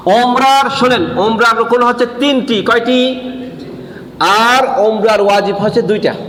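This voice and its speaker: High-voiced preacher in an echoing hall. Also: male voice. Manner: asks the audience questions and answers them himself, repeats key points. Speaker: Islamic preacher. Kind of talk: sermon-style religious lesson. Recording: echoey hall with long reverb.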